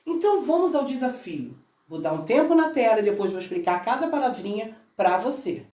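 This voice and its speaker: A woman's voice: a little high, sing-song, a little fast, dark tone. A Brazilian woman teaching a recorded grammar lesson to children, coaxing and drawing out words syllable by syllable. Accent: Brazilian Portuguese. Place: classroom at a board. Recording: roomy sound, from a distance.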